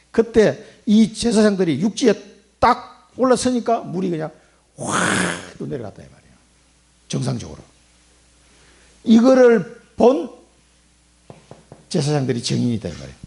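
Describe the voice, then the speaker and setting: A man's voice: on the high side, creaky, a little mellow. A middle-aged man preaching a sermon in church as pastor, asking the congregation rhetorical questions. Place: church sanctuary.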